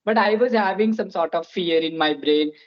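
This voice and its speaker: Recorded with the top frequencies cut off, a twenties-aged host chats earnestly in a casual interview at normal speed and medium pitch. They speak Telugu natively, which shapes their Indian accent, and habitually start phrases with "so".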